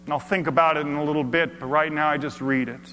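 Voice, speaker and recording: A man preaching a storytelling sermon, dramatic, dropping to hushed near-whispers and rising to loud bursts. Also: fairly high pitch, fairly even intonation, fast. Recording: long hall reverb, faint hum.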